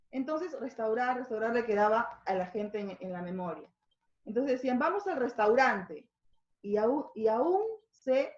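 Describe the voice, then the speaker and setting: A woman with a Peruvian Spanish accent teaches a school language lesson, explaining step by step and checking in with her students through frequent tag questions. Her voice is fairly high, and the recording is muffled and echoey.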